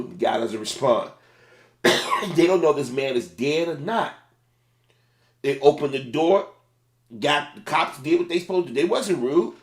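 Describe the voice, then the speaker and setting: A middle-aged man, a former fast food manager, giving casual, plain-spoken commentary on a video. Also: mid-range voice, reverberant.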